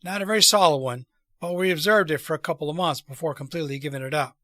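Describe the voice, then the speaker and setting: A man voicing an earnest, deliberate revolutionary plotter in a storybook read aloud. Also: on the high side, sharp tone, dry recording, studio quality. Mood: earnest, explaining. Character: earnest male revolutionary plotter persuading wary allies.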